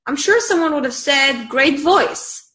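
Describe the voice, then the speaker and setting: In an easygoing interview, a Bulgarian online community manager speaks in a high, bright, animated voice with a forceful tone and an unhurried pace. Her Bulgarian accent comes through as she chats, bubbly and laughing frequently between fillers.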